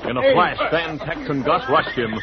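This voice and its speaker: A man's voice: a little high, very animated, moderate pace, over a noisy crowd. An American man narrating an old radio western in a dramatic scripted style, on a muffled broadcast recording.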